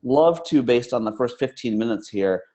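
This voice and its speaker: Energetic man hosting a live webinar. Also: mid-range voice, moderate pace, dull audio. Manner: energetic, animated, conversational. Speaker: webinar host.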